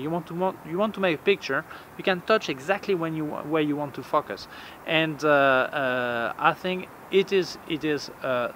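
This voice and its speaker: Seated on a bench in an urban plaza, a fortyish man with a non-native English accent casually reviews cameras for his vlog in a fairly high, slightly bright voice. He hesitates, fills pauses and repeats words, with faint street ambience around him.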